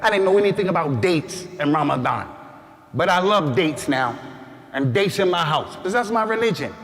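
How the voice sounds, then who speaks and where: Brief: American male imam, Friday sermon, slightly high voice, long hall reverb. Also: expressive, normal speed. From United States. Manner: emphatic, repeats words, rises to shouts. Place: mosque hall.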